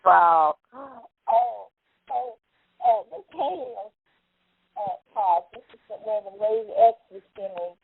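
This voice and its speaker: A woman talking excitedly on a phone line, holding the phone away from her mouth so she sounds faint and breaks up. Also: medium pitch, slow, creaky, breathy edge, no room sound. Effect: phone held away from the mouth, faint and breaking up. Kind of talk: casual chat. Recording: tinny dry phone line.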